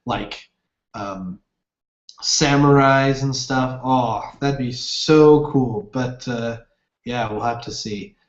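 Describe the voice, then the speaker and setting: A man's voice: mid-range voice, slow. A young man hosting a casual gaming livestream, rambling upbeat with lots of fillers while reading viewer comments. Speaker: livestream host. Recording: roomy, dull lo-fi webcam audio.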